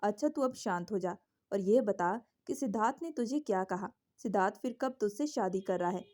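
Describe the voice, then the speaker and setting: A woman's voice: medium pitch, animated, normal speed, a little mellow, close to an everyday voice. A woman voicing a bossy, scheming middle-aged mother who scolds her daughter. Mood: soothing.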